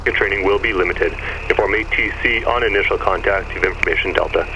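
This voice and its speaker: A man reading an airport weather broadcast over aircraft radio in a flat, measured way, reeling off numbers and codes. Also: sits low. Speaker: recorded airport information announcer. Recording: muffled radio audio with loud engine noise. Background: loud aircraft engine.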